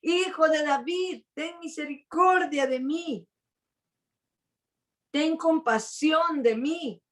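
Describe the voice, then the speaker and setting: A blind beggar man cries out for mercy, as a woman preacher acts him out. The voice is hoarse, pleading and lifted high into a shout. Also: takes it slowly, pauses often.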